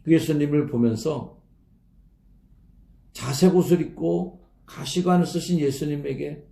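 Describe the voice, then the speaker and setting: A man's voice: fairly high pitch, measured pace, gravelly, dark tone. A male pastor giving an early-morning sermon in a conversational way, sometimes acting out mocking voices. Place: church. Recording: echoey church room.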